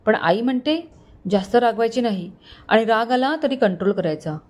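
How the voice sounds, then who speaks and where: A woman's voice: fairly high pitch, expressive, moderate pace, natural voice. A woman voicing an arrogant, possessive young man who mixes English into his speech and taunts his rival. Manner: taunting, sharp.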